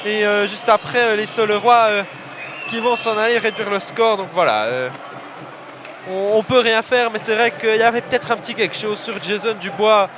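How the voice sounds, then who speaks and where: A man co-commentating live ice hockey, animated and raising his voice on big plays. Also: high-pitched, normal speed. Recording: crowd noise and music behind commentary. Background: arena crowd and music.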